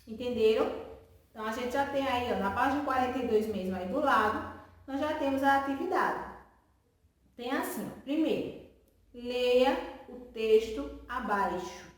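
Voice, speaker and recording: High-voiced woman teaching young children. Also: recorded from a distance. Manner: slow, sing-song syllable drilling, asks and answers her own questions. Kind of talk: remote school lesson for children. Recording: echoey room, voice from off-mic.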